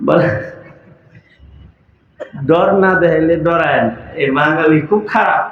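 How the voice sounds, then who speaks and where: A male preacher giving a rousing open-air sermon, calling out to the crowd and chanting phrases over loudspeakers. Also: on the high side, a little slow. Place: outdoor religious gathering over loudspeakers. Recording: echoey PA sound from far off, dull.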